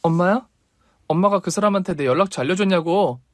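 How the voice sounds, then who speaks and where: A man's voice: high-pitched, measured pace, a little mellow, no room sound, studio quality, pitched above the performer's own voice. A man voicing a stubborn, resentful daughter who speaks in a raised, insistent way. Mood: defiant. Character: sharp-tongued young daughter, stubborn and resentful.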